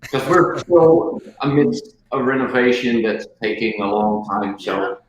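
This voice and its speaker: A man's voice: medium pitch, expressive, unhurried, a little hiss or hum. A man from the Netherlands with a Dutch accent, chatting casually as a livestream guest. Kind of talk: casual chat. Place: empty room under renovation, indoors. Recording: very echoey empty room.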